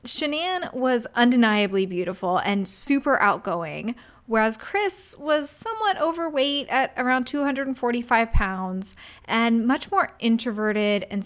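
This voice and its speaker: A woman hosting a true crime podcast, narrating a scripted story in a conversational way as a true crime narrator. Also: on the high side.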